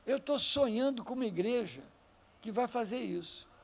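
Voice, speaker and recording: A man with a Brazilian Portuguese accent preaching a sermon, swinging from fervent shouting to quiet teaching and acting out Bible stories. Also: very high voice, expressive, moderate pace, vocal fry, a little hiss or hum.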